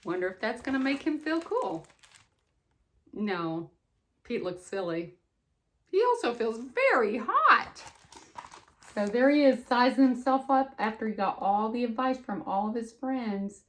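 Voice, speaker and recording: Sweet, animated older woman reading stories. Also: on the high side, unhurried, long pauses. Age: older, grandmother. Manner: sweet old lady, affectionate and folksy; exclaiming and expressive. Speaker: grandmother reading a picture book to children. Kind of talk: read-aloud storytelling with chatty asides.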